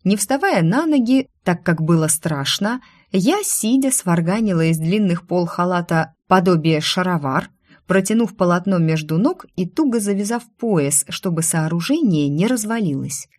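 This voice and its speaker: A woman narrating a first-person fantasy story in a lively, wry, expressive way. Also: on the low side, normal speed, no echo, studio quality. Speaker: audiobook narrator.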